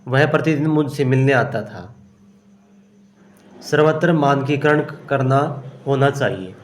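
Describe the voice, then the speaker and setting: A man teaching exam-prep grammar, working through each question aloud and answering his own questions. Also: mid-range voice. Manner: explains step by step, asks and answers himself; slow and unhurried, often says "okay". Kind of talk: solving a grammar test aloud.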